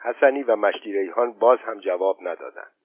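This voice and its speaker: A man reading an audiobook story in even, measured narration. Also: fairly low pitch, no echo. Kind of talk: scripted narration. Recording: thin phone-like sound, dry.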